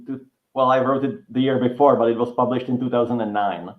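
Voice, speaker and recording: Brisk and fairly even in intonation, this medium-pitched man with a Czech accent, a Czech writing teacher and guest author, talks loosely in a relaxed interview, full of fillers and false starts. The sound is dull, roomy and lo-fi.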